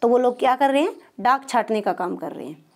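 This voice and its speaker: Her voice sits a little high and is expressive, quick, and darkish, with some vocal fry. She's a woman patiently explaining a primary school lesson, raising questions and supplying the answers on her own.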